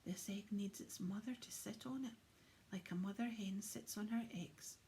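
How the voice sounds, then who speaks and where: A woman voicing a huge, jolly, bumbling old Santa who talks in excitable old-fashioned exclamations, for a children's storybook. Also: medium pitch, normal speed, slight background noise, natural voice. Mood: concerned.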